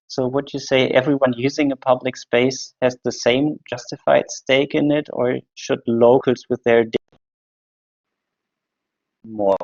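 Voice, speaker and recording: Gravelly man asking questions. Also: mid-range voice, darkish tone, no echo, highs cut off. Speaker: lecturer and host. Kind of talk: interview questions in a lecture.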